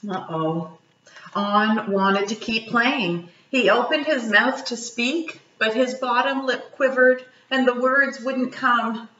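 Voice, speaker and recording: A woman reading a children's story aloud, gently asking her young listeners questions. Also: fairly high pitch, takes it slowly, echoey room, far from the mic, muffled recording.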